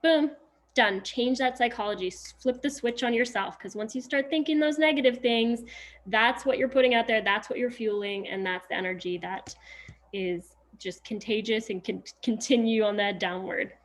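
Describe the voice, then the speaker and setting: A woman's voice: on the high side, moderate pace. A woman leading a casual sales coaching session on a video call, chatty and upbeat, with lots of fillers and laughs. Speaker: sales trainer on a group call.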